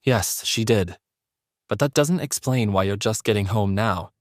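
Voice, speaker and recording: A man's voice: lowish voice, measured pace, dry recording, clean studio sound, close to an everyday voice. A man voicing a suspicious young wife questioning her husband in an audio drama.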